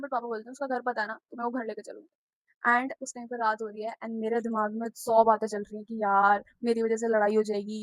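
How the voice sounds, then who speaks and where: A young woman tells a personal story in a casual vlog, animated and chatty, acting out what others said. Her voice sits high. The sound is close and dry, with no room echo. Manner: animated, acts out quoted people.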